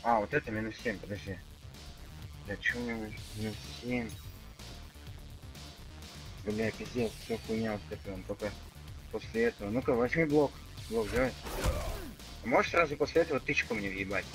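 A man's voice: lowish voice, fairly quick, pauses often, rough recording. A man chatting casually while playing a video game, swearing constantly in offhand mutters and exclamations, with game music behind him. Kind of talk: casual gaming chat over a match.

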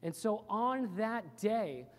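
A man's voice: high-pitched, very animated, takes it slowly. A male pastor giving an earnest, plain-spoken sermon in a church, repeating phrases for emphasis. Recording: reverberant church hall.

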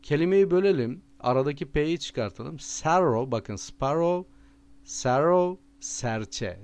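A man with a Turkish accent teaching vocabulary with memory tricks, repeating each word slowly and stressing it. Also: medium pitch. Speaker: language teacher.

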